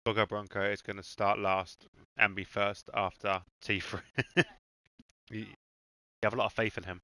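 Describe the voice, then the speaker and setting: A man's voice: on the low side, little pitch movement, normal speed, bright, forceful tone, low-quality recording. A man streaming a racing game, chatting casually and swearing freely while he eats. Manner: laid-back, swears freely, talks to his dog and chat.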